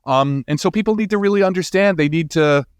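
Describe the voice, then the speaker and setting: A scientist and book author, a man with a slightly high, clean voice, is a guest on a podcast interview, explaining things informally and with emphasis. He halts and restarts often, leaning on "you know" and "right?" as checking tags. The recording is dry and studio quality.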